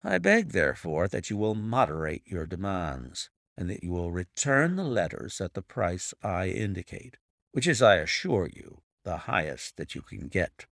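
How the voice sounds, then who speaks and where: A man voicing a grave, controlled male detective with a measured, firm manner in an audiobook reading. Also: low voice, sing-song, creaky, a bit bright, no room sound, studio quality, heavily acted. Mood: restrained.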